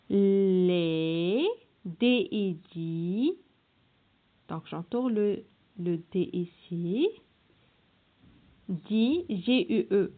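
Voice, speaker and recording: Slow, tinny-sounding woman teacher. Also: fairly high pitch. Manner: sounds out syllables slowly and clearly, repeats instructions. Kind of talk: slow classroom reading lesson. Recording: tinny phone-like audio.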